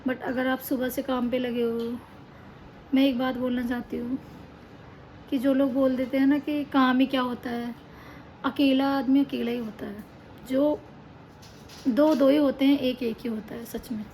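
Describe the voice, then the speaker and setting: A woman's voice: high voice, flat delivery, unhurried, pauses often, darkish tone. A tired young woman chatting in a casual home vlog, talking indoors with children playing and crying nearby. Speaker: vlogger. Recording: noisy home recording.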